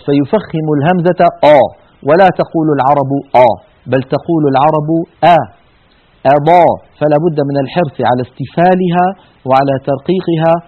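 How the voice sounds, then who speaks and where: A man's voice: on the high side, slightly rough. A man teaching the articulation of letters for Quran recitation, explaining each trait step by step and demonstrating sounds and common mistakes. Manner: methodical, demonstrates sounds and mispronunciations. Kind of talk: recorded lesson on letter articulation. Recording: tinny phone-like lo-fi audio.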